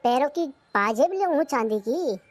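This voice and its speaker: A woman voicing a demanding, sharp-tongued village wife in a cartoon comedy, with a bossy manner. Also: high voice, expressive, normal speed, soft background music.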